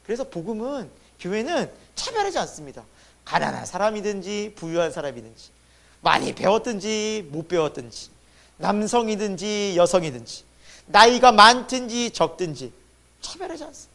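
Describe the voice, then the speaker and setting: A man preaching a sermon as pastor. He asks the congregation questions and answers them himself, and his voice swings between loud emphasis and sudden hushed drops. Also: high voice, very animated, normal speed, vocal fry. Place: church sanctuary.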